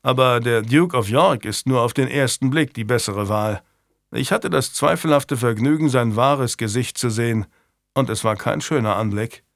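Man doing wry tired knight, candid, middle-pitched, dry audiobook sound. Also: normal speed, gravelly, a bit bright, no room sound. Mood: frank. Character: weary, frank adult male knight.

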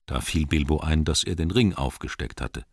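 A man reading a storybook aloud in calm, measured narration. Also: extremely low pitch, no echo, clean studio sound. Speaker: audiobook narrator. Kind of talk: scripted narration.

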